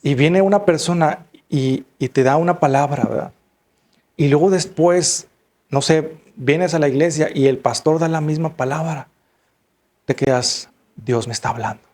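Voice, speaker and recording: Earnest preacher man, fairly high voice. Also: measured pace, darkish tone. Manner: conversational, earnest, repeats "hermanos" and "¿verdad?". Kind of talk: sermon.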